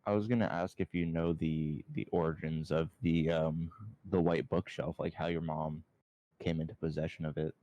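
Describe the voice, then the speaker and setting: A podcast co-host with a very deep, dark male voice. He asks questions in a relaxed, unhurried way. The sound is dry and muffled. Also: no room sound. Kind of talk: casual interview questions.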